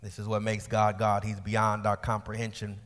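A man preaching a sermon as pastor, swinging from shouted peaks to quiet asides with casual turns of phrase. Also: lowish voice, monotone, normal speed. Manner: colloquial asides. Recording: long church hall reverb.

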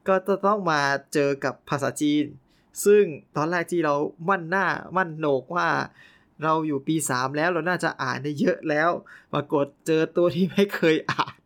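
A young man hosting a casual storytelling podcast, animated and often laughing. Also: on the high side, moderate pace. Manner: animated, laughing, playful exclamations. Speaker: podcast host.

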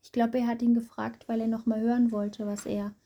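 Gentle, encouraging woman with a mellow voice. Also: fairly high pitch, little pitch movement, fairly quick. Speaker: adult leading a Bible story with a child. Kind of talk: casual children's Bible storytelling.

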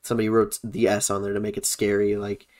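Low-voiced animated man chatting. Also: quick pace. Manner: animated, laughing, reads bullet points aloud. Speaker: podcast co-host. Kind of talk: casual chat about a theme park event.

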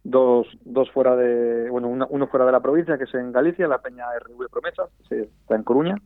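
A man's voice: mid-range voice, fairly even intonation, fairly quick, no room sound. Guy on a landline phone call into a radio show, tinny dry line, keeps stumbling and restarting words. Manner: hesitant, often repeats and restarts words. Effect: heard over a landline phone. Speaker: supporters' club federation president, phone guest.

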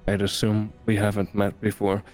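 A man playing his character in a tabletop game, speaking hesitantly with many pauses. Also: on the low side, monotone, darkish tone, faint music behind. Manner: hesitant, halting speech. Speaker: player.

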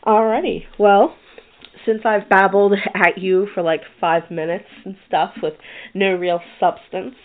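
A woman's voice: medium pitch, steady tone, measured pace. A woman hosting a podcast, chatting casually and rambling with many restarts. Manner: rambling, with frequent restarts and fillers. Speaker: podcast host. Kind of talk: casual chat. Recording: tinny phone-like sound.

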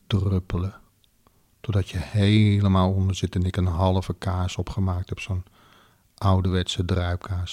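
A man narrating a second-person erotic audio story in a slow, deliberate, commanding way. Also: low voice, a little mellow.

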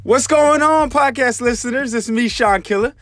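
Faint music sits behind this podcast host, a congested man in his thirties whose voice is extremely high-pitched and a bit bright. At a moderate pace, he reflects casually, thinking aloud with lots of fillers and false starts.

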